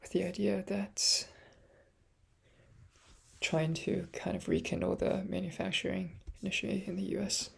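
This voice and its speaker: A woman reading texts aloud in a half-whisper, pausing for quiet comments of her own. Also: on the low side, steady tone, vocal fry, husky. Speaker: channel host reading investment texts. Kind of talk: reading aloud and musing while studying.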